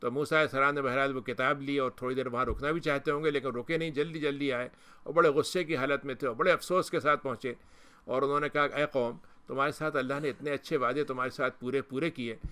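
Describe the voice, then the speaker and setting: Bright clear-voiced man teaching scripture. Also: fairly high pitch. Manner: retells scripture and quotes Arabic verses, with frequent restarts. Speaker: Islamic scholar and lecturer. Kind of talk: Quran commentary lecture.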